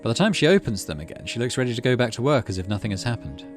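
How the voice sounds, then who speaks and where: A let's play host narrates his game, reading the story text aloud and muttering his way through choices as he thinks them over. He has a mid-range voice and talks in a very animated, rapid-fire way, with music playing behind him.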